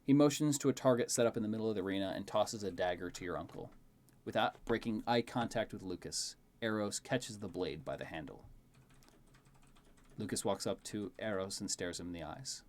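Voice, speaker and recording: A man's voice: on the low side, fairly quick. A man narrating a tabletop fantasy game as game master.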